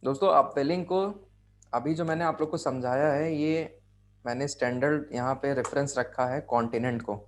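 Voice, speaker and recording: A man's voice: mid-range voice, steady tone, moderate pace. A man with an Indian accent teaching geography over a video call, explaining step by step, repeating key phrases and checking that students follow. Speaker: geography tutor. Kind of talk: online class lecture.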